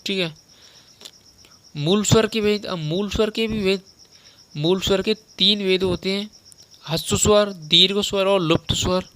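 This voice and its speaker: A man's voice: high voice, steady tone, a little slow, long pauses, a bit bright. A young man teaching a Hindi grammar lesson in a casual, conversational way, repeating each point and quizzing the listener as he goes.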